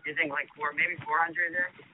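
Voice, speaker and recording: A man chatting casually as a podcast co-host, rambling and halting with many fillers, walking outdoors in a busy city area. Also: on the high side, level tone, husky. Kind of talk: casual chat. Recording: tinny phone line with faint noise.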